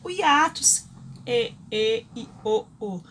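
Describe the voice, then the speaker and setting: A woman's voice: on the high side, animated, takes it slowly, a bit bright, a little hiss or hum. A Brazilian woman teaching a grammar lesson, explaining rules step by step and often checking in with her students. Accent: Brazilian Portuguese.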